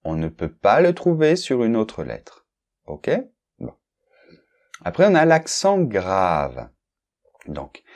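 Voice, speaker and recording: A man's voice: low voice, a little mellow. A man teaching a recorded lesson, speaking to the learner informally and patiently spelling out example words one by one. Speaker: French teacher.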